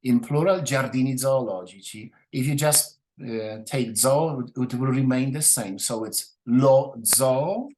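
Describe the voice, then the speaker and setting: A man teaching an Italian grammar class, explaining each point patiently and repeating the forms slowly. His voice sits at an everyday middle pitch. He checks in with his students now and then as he goes. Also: darkish tone. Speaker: language teacher.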